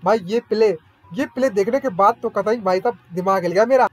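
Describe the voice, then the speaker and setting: A man narrating an anime recap in a casual, excitable way, with slangy joking asides. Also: high-pitched, a little fast.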